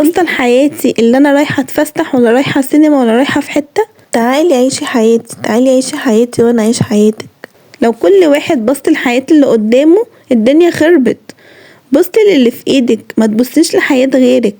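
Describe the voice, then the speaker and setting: A young Egyptian vlogger with a high-pitched, dark voice speaks earnestly to the camera in Egyptian Arabic. In this heartfelt talk she lectures and reproaches her viewers directly.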